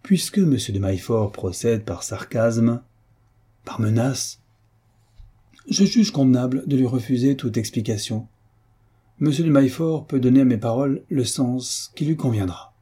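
A touchy aristocrat, as a male reader puts him on answers curtly and indignantly. His voice is very dark and husky. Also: medium pitch, normal speed, voice pushed up, close to an everyday voice. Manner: curt, indignant. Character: proud, impatient young nobleman, easily angered.

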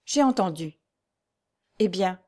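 A woman reading the part of an elderly male doctor, grave and sorrowful, with measured, somber replies. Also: mid-range voice, lively intonation, a little mellow.

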